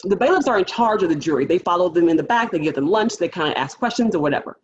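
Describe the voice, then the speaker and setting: A woman public defender recounts a courtroom story to a panel audience, animated and lively as she acts out the people she quotes. Her voice is fairly low and fast, and the sound quality is lo-fi.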